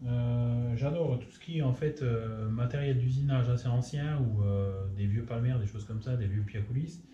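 A man hosting his own workshop channel, explaining machining in a casual technical tutorial, often pausing with fillers. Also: medium pitch, mellow, lo-fi sound, slight background noise. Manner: hesitant, many filler pauses. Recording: roomy echo.

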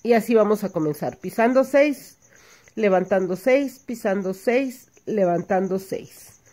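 A woman gives a calm, step-by-step hand embroidery lesson. She counts each stitch aloud and pauses to check that her listeners are following. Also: mid-range voice. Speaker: embroidery teacher. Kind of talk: step-by-step craft tutorial.

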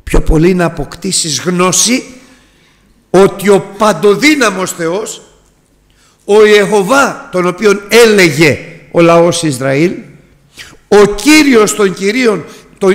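A man preaching a sermon with passion, often swelling to near-shouts. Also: high-pitched. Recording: long hall reverb.

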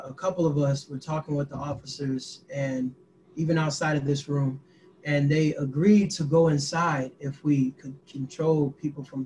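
A man in his twenties, a youth activist, recounting events on a video call in a halting way with many fillers. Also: on the high side, a little mellow, slight background noise, low-quality recording. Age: 20s. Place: small indoor room. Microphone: laptop webcam mic, group on one call.

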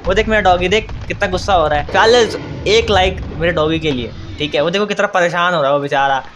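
A young man giving casual gameplay commentary as a gaming YouTuber, playful, teasing and excitable. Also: sits high, fairly quick, a little hiss or hum.

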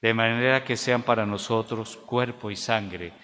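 Older male priest, liturgical recitation, forceful bright tone, long cathedral echo. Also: fairly low pitch, fairly even intonation, a little slow. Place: large church, at the altar. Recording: long cathedral echo, faint background noise.

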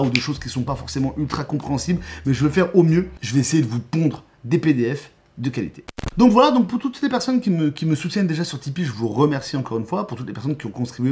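A man's voice: mid-range voice, darkish tone. A man, a YouTube host and game master, giving a casual channel update with enthusiasm and frequent restarts.

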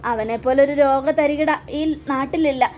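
A woman's voice: high voice, normal speed, a little mellow, slight background noise, lightly acted. A woman voicing a bitter middle-aged woman who speaks emphatically.

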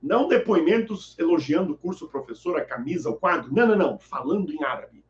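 A man's voice: fairly high pitch, quick pace, reverberant, dull audio. A man teaching Arabic in a chatty live online class, joking and reading viewers' names from the chat. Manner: lively, joking, reads chat names aloud.

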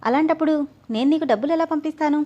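A woman voicing a gentle, bewildered elderly uncle in a read-aloud story. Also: high voice, rapid-fire, highs cut off, voice pushed up, natural voice. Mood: puzzled.

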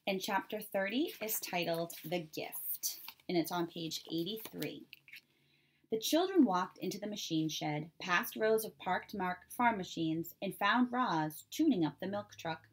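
A woman reading a children's chapter book aloud in a clear, steady storytelling manner. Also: medium pitch, measured pace, hardly any pauses, a little hiss or hum. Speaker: reader.

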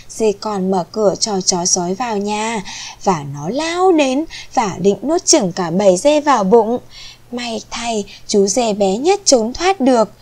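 A woman reads bedtime-style stories aloud to small children. Her delivery is gentle and clear, and she takes her time over every phrase. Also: a little high. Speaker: children's storyteller. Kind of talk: storytelling for young children.

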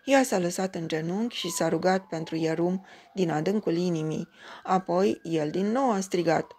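Gravelly low-voiced woman reading a fairy tale. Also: a little mellow. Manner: measured, storytelling cadence. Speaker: storyteller. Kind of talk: fairy tale read aloud.

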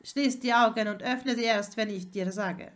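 Casting: höflicher, ruhiger junger Zauberer, von einer Frau gelesen, Hörbuch, etwas hohe Stimme. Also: female voice, fairly high pitch, moderate pace, lightly acted. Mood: gentle, polite. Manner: courteous, calm. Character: polite young male wizard, Quidditch player. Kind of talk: fan fiction audiobook reading.

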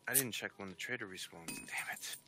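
A man's voice: fairly low pitch, brisk, pushed and bright. A laid-back man streaming a co-op game, chuckling and muttering to himself as he plays. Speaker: gaming streamer. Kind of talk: casual co-op gaming chat. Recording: noisy stream audio.

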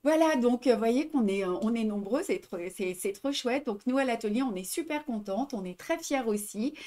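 Woman host with a French accent, slightly high voice, chatty livestream style, reads comments aloud. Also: lively intonation, normal speed, mellow. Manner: chatty, reads out viewer comments, repeats herself in three languages. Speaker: embroidery shop host. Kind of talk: casual livestream chat.

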